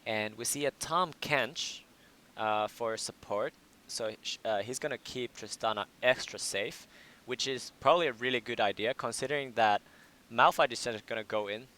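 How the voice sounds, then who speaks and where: A man's voice: medium pitch, normal speed, few pauses, pushed and bright, a little hiss or hum. A young man casting a student esports match live, breaking down team picks and often restarting his phrases as he thinks aloud. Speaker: esports caster. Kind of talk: live game commentary.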